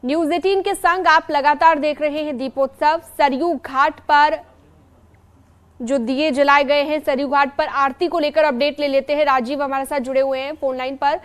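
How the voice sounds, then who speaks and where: A woman news anchor with a high, light voice talks viewers through live pictures in a smooth, even studio delivery. She describes the scenes fluently and passes over to reporters in the field. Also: normal speed.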